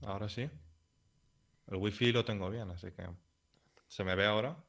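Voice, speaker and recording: A man's voice: on the low side, fairly even intonation, moderate pace, vocal fry, a bit bright. Young man on a choppy, fading video call. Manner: hesitant, restarts a lot. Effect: choppy, fading video-call connection. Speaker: physics student guest. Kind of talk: casual chat on a video call.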